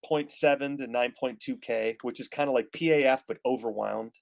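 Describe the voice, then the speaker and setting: A man's voice: medium pitch, steady tone, a little fast, vocal fry. A man in his fifties chatting casually as a guest guitarist, rambling with gear-nerd enthusiasm. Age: 50s. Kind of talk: casual chat.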